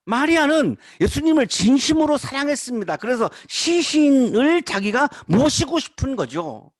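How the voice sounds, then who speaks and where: Male pastor, high lively voice, emphatic preaching with rhetorical questions, dry recording. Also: normal speed, no echo. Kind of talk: sermon.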